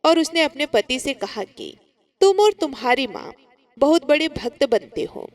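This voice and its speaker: A woman narrating a devotional folk story in a steady storytelling manner. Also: high voice, unhurried.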